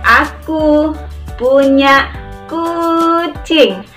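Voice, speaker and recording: Woman with a high voice teaching sign language, chatty, drags words out slowly while showing signs, a bit far from the mic with soft music under it. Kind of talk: casual tutorial.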